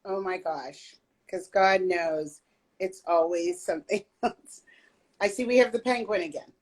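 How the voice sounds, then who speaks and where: A woman hosting a casual livestream chat, her raspy voice slightly hoarse from a cold, talking in a relaxed, chatty way with frequent fillers into a phone. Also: fairly low pitch, measured pace. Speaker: host. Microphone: phone on a live stream.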